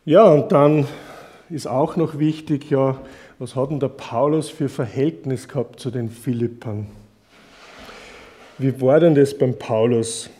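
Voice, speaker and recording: A preacher gives a relaxed, talky sermon in a mid-range voice. His tone is dark and mellow, and he keeps turning to his listeners with rhetorical questions. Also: mid-range voice, measured pace. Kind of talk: conversational Bible teaching sermon.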